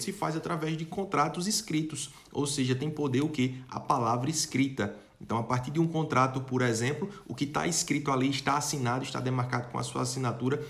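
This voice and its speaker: A man's voice: medium pitch, fairly bright tone. A young man teaching a lesson, asking rhetorical questions, answering them himself and checking in with his students. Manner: addresses students directly and checks in often. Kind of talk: online lesson.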